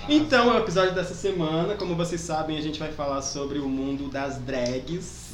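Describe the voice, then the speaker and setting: A man's voice: a little high, normal speed, a loud crowd. A man with a Brazilian accent chatting as a podcast host in a campy, slangy way. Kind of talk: casual chatty podcast banter. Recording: roomy echo, faint background noise.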